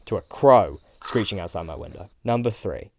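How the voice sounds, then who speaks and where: Man, low voice, dramatic horror storyteller, hushed to shouting, faint music underneath. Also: expressive, normal speed. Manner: swings from hushed mumbling to loud shouting. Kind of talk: dramatic first-person horror narration.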